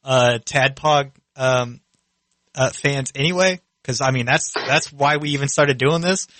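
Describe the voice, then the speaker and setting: A man's voice: mid-range voice, measured pace, sharp tone, no echo. A man co-hosting a podcast in casual chat, hesitant and full of fillers, swearing often. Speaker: podcast co-host.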